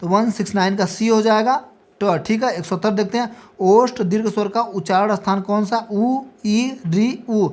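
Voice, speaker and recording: A woman's voice: medium pitch, normal speed, a little mellow. A woman teacher reading multiple-choice exam questions and their options aloud, then confirming each answer with a brief check. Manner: repeats a checking "ठीक है" after each answer. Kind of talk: exam practice lecture.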